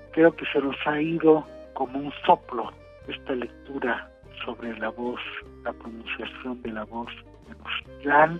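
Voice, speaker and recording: A man hosting a radio program, speaking in a courteous, ceremonious way. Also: medium pitch. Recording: dull radio broadcast sound with faint music.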